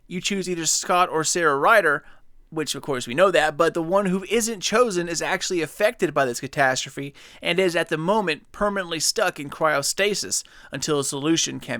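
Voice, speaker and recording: A young man hosting a gaming channel breaks down a trailer, chatting with enthusiasm and speculating in casual video commentary. His slightly high voice is bright and forceful, with a clear, resonant tone. The studio-quality sound has no echo.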